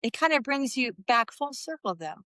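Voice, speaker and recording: A middle-aged woman from the US West Coast, a podcast guest telling a heartfelt personal faith story and slowing down for emphasis. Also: sits high, very animated, bright, forceful tone, dry recording. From Santa Barbara, US.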